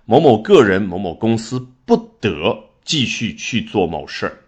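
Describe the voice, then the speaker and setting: Male English teacher, low voice with very animated pitch, explanatory lesson delivery full of rhetorical questions. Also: unhurried, slightly rough. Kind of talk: recorded language lesson.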